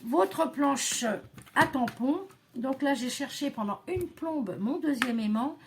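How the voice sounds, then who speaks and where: Crafting host, woman, slow and chatty, hesitant asides, a touch higher than average. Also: noisy background. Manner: chatty, hesitant, with many fillers and self-talk. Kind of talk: casual crafting demonstration.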